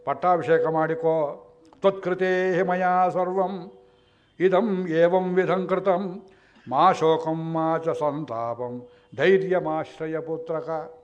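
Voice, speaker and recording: A man's voice: fairly high pitch, a little mellow, lightly acted. A man voicing a scheming queen mother who coaxes her son, chanting verses, on a dull lo-fi recording.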